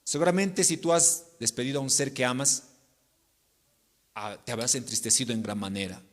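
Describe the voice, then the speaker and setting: A man preaching a sermon to his congregation, swinging between loud declarations and hushed pleas. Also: medium pitch, lively intonation, moderate pace. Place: church sanctuary. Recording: long church reverb.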